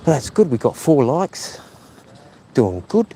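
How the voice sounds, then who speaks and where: A middle-aged man chats on a casual live stream from his phone while walking by a lake. He rambles, corrects himself and pokes fun at himself, with a voice of ordinary pitch. Faint outdoor noise hums behind him. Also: sing-song, unhurried, warm tone. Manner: chatty, meandering, self-deprecating, many fillers.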